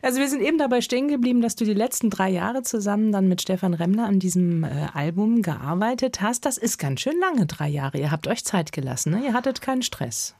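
A woman's voice: mid-range voice, lively intonation, fairly quick, few pauses, darkish tone, dry recording. A woman hosts a conversational studio interview in German, prompting her guest with short tag questions. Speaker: radio or podcast interview host.

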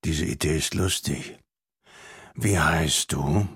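Male narrator as an old, wise leopard: very deep, gravelly, unhurried. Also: a bit bright, no room sound, clean studio sound, full character voice. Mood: musing. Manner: slow, deep, grumbling. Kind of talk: audiobook reading.

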